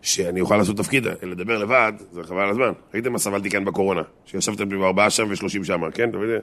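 A man, a rabbi giving a lively, jokey Torah talk to a small congregation and asking his listeners questions. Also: on the low side. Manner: animated, jokey, addresses listeners directly with questions.

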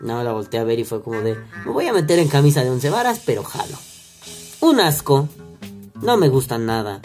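A man's voice: medium pitch, very animated, normal speed, darkish tone, soft background music. A young Mexican man with a Mexican accent, telling a story in a crude, slang-filled, rambling vlog monologue. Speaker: vlogger.

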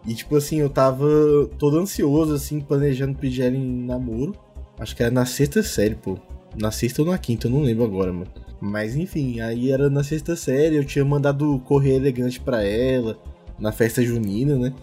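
A man's voice: mid-range voice, brisk, mellow, breathy edge, faint music behind. A young man with a Brazilian Portuguese accent, telling personal stories in a slangy, jokey, rambling chat among friends. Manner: slangy, jokey, rambling with frequent tag questions.

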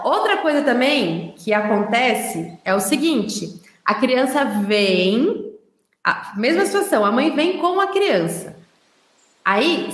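A woman with a Brazilian Portuguese accent giving casual, chatty advice to parents, often checking in with her listeners. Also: fairly high pitch. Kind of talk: casual explanatory advice talk. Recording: roomy echo.

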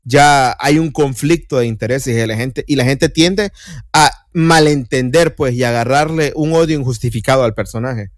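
A man's voice: medium pitch, moderate pace, no room sound, clean studio sound. A man co-hosting a podcast, casually discussing a film and laying out his arguments at length. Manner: explanatory, argues his points at length. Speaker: podcast co-host.

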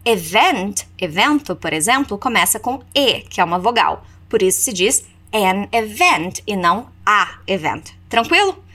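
A woman teaching English. She gives repeat-after-me drills, slows down to model English phrases, then explains them in Portuguese. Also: mid-range voice, big pitch swings, sharp tone.

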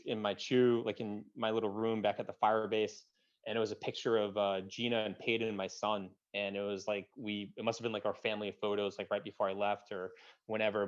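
Man, thirties, interview guest, halting and full of restarts, middle-pitched voice, dull lo-fi sound. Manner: halting, many restarts and fillers, drops to a quiet tone at emotional points. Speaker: guest, combat-wounded veteran. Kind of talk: conversational interview storytelling.

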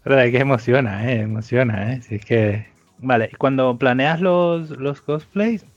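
A man's voice: medium pitch, measured pace, no room sound. A man interviewing a guest, repeating words while he frames his questions. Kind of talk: casual interview. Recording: dull lo-fi sound.

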